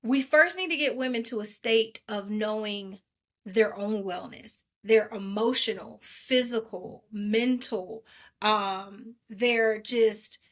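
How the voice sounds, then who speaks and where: A woman speaking as a podcast guest, an animated storyteller who acts out quotes from her own life. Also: mid-range voice, slow. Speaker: podcast guest, maternal wellness advocate. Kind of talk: casual podcast interview.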